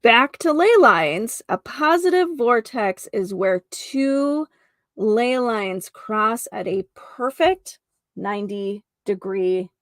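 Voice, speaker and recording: Speaking slowly in an animated voice on the high side, a woman hosts a spiritual podcast with an informal lesson, part of it read from notes. She explains things earnestly and repeats points for emphasis, and the studio-quality audio is dry.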